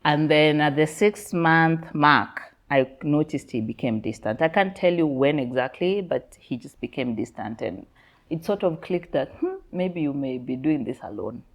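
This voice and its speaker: A Kenyan woman in her thirties with a low, grounded voice tells her own story as an interview guest. She is candid and laughs easily. She drifts in and out of Swahili slang as she talks. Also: expressive, normal speed.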